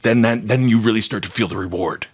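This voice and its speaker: A man's voice: on the low side, quick pace, breathy edge. A man from Boston hosting a casual comedy podcast, telling stories and joking, swearing freely. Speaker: podcast host.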